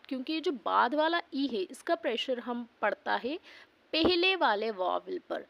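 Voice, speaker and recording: A woman's voice: sits high, a bit bright. A woman teaching English pronunciation, spelling words out letter by letter and asking questions she answers herself. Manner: asks the class questions and answers them herself; spells words letter by letter and repeats them slowly. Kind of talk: pronunciation lesson.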